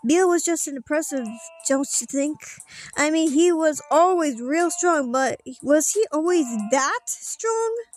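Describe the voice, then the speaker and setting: A woman's voice: high-pitched, a little slow, soft background music. A woman playing through a story game, reading the dialogue aloud theatrically with casual asides. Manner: theatrical, acting out character lines. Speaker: let's play streamer.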